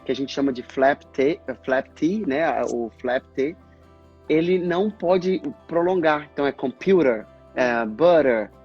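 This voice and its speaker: Guy speech therapist on a live, breaks off and restarts a lot, kinda husky, muffled lo-fi audio. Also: a little high. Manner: explanatory, speaks in halting bursts with restarts. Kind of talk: casual live-stream chat. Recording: dull lo-fi stream audio, faint music.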